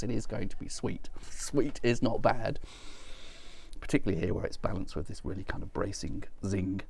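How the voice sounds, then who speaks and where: Creaky-voiced man tasting like a sommelier. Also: on the low side, darkish tone. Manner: thoughtful, descriptive, savouring tasting notes. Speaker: wine reviewer. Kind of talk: casual wine tasting commentary, sommelier-like.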